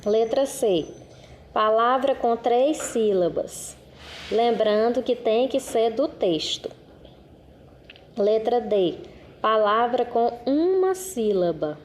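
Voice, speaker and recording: Woman teacher, fairly high voice, patient and emphatic, recorded lesson with faint background noise. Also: lively intonation, darkish tone. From Brazil. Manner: slow, emphatic reading of questions. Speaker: schoolteacher. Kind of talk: recorded remote lesson for children.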